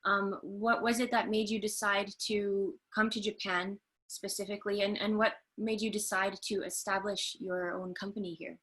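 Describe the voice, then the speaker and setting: A woman's voice: mid-range voice, level tone, normal speed, few pauses, fairly bright tone. A woman from Canada hosting a video-call webinar interview, polite and a little hesitant with frequent fillers. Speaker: host and trainer.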